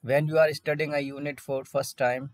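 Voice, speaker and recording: A male English teacher giving an online vocabulary lesson, explaining in Hindi and reading English lines out slowly. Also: a little high, flat delivery, no room sound.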